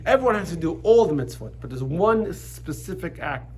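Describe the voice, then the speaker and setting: A man's voice: on the high side, animated, normal speed, a little mellow, a little hiss or hum. A man teaching a religious class as rabbi, chatty and full of restarts and asides. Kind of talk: Torah lesson with casual storytelling. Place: classroom with students.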